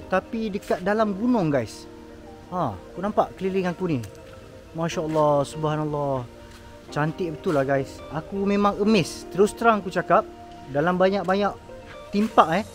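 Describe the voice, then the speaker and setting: A man with a Malaysian Malay accent, chatting excitedly to viewers on a walking tour vlog through an outdoor petting zoo. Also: high voice. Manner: chatty, excitable, keeps addressing viewers as guys. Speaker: vlogger.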